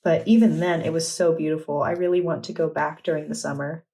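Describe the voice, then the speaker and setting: A young adult woman vlogger chatting in a relaxed, enthusiastic way as she walks through her journal. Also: deep voice, fairly quick. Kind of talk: casual vlog narration.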